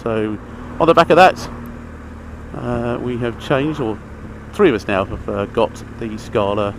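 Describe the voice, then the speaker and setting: Slightly slow and mid-pitched, this rider talks through his gear in a relaxed, rambling, matter-of-fact way while out on his motorbike. Engine, traffic and outdoor sounds come through the helmet mic.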